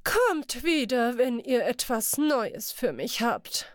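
A woman voicing a fussy, haughty male merchant with a high, shrill voice in an audiobook. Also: very animated, slow, no echo, clean studio sound. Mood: indignant, fussy. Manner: shrill and indignant. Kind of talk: audiobook character voice.

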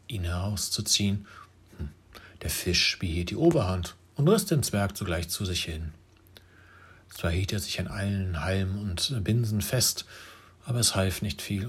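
A man reading a fairy tale aloud, narrating in a lively way with occasional slips. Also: deep voice, slightly rough. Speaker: storyteller.

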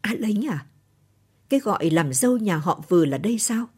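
A woman narrator voicing a wounded, bitter young highland woman in a story reading. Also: expressive, normal speed, darkish tone, husky.

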